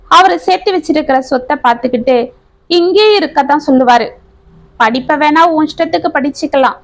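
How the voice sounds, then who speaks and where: A woman's voice: sits high, a bit bright. A woman voicing a proud, honest village uncle.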